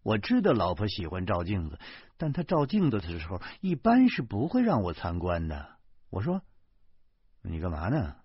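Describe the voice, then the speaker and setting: Male audiobook narrator, low husky voice, lively pitch, wry storytelling, dull dry recording. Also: moderate pace, no room sound. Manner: wry, grumbling and expressive. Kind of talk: first-person storybook narration.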